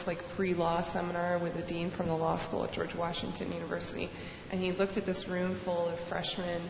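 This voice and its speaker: A woman from Hong Kong speaks at a panel event in a low, gravelly, flat voice. She tells her story reflectively, with frequent fillers. The sound is dull and echoes through a hall. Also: background noise.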